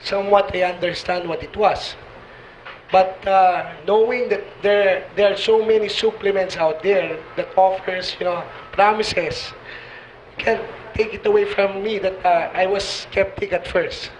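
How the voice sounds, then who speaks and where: A man's voice: sits high, fairly even intonation, unhurried, a little hiss or hum, poor audio. A man with a Filipino accent, a guest on a TV talk show, speaking earnestly with hesitations.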